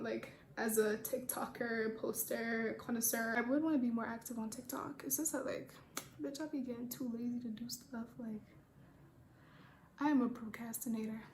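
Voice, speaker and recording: Doing a get-ready-with-me makeup chat and Q&A, a young woman from Rwanda rambles in an easygoing way, swearing casually and using lots of fillers. Her somewhat high voice stays flat and even, echoing off the walls over a faint hiss.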